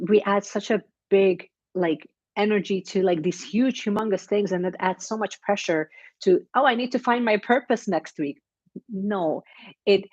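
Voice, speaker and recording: A woman's voice: fairly low pitch, a little mellow, dry recording, highs cut off. A woman giving a casual weekly tarot reading, chatty and encouraging, with plenty of fillers and restarts. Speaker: tarot reader.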